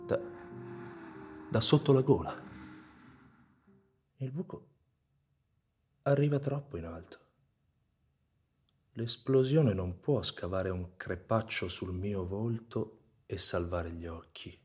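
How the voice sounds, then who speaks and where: A man playing a maimed young soldier, deaf and blind and trapped in his body, in a dramatic monologue, swinging between anguished cries, whispers and numb calm. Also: on the low side, slow, long pauses. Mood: despairing. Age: young adult.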